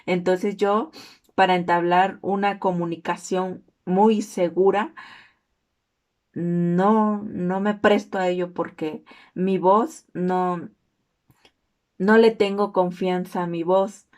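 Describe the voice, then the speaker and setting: Slow, hoarse Mexican woman. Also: fairly even intonation. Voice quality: hoarse, low-toned voice. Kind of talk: informal spoken class presentation.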